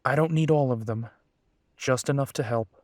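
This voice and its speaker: In an audio roleplay, a man voices a young werewolf who is protective and determined, speaking earnestly with a serious mood. His voice is medium-pitched, a little mellow and close to everyday speech, at a moderate pace in a dry, studio-quality recording.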